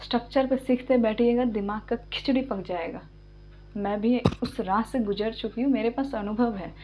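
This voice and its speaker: A woman teaching an English lesson, explaining slowly and patiently and often checking that her students follow. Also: fairly high pitch, a little mellow, slight background noise. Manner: patient, repeats and checks understanding. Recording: dull lo-fi sound.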